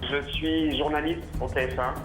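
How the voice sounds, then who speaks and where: A man's voice: fairly high pitch, steady tone, moderate pace, over music, low-quality recording. A man working as a TV field reporter, speaking live to the programme.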